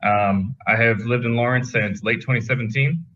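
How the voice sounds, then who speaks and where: A man's voice: mid-range voice, moderate pace, a bit bright. A man speaking casually as commission chair on a video call, heard through laptop speakers. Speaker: commission chair at a public meeting. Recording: dull lo-fi laptop audio, from afar.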